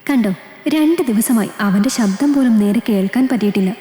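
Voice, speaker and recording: A woman voicing a loving elderly grandmother who speaks softly through tears in a storybook. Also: on the high side, fairly quick, roomy sound, in a large hall, natural voice. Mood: tender. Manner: soft, tearful, reassuring. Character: tearful loving old grandmother.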